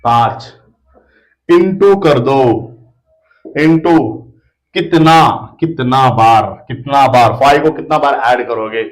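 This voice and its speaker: A man's voice: medium pitch, slow, rough recording. A man with an Indian accent teaching a maths lesson to children in a playful way, often repeating himself. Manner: playful, addresses children warmly, repeats phrases.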